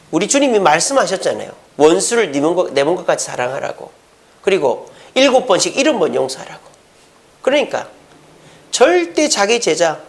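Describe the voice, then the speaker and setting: A man's voice: sits high, gravelly. A male pastor giving a conversational sermon at a Friday church service, full of rhetorical questions.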